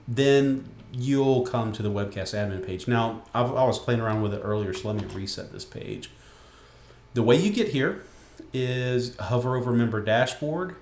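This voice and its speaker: A man's voice: mid-range voice, a little mellow. A man walking viewers through a web page in a casual screen-recorded tutorial, folksy and joking as he goes. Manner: chatty and folksy, with jokes and asides. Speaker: software tutorial presenter. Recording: echoey room.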